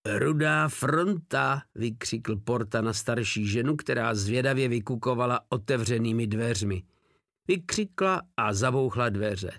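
A man's voice: mid-range voice, no echo. Man reading a story, dry close sound. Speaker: audiobook narrator. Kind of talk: scripted narration.

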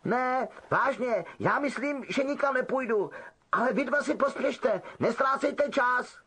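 A male audiobook reader voicing an anxious, earnest schoolgirl in a high, husky voice. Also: bright, forceful tone, exaggerated voice. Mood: insistent.

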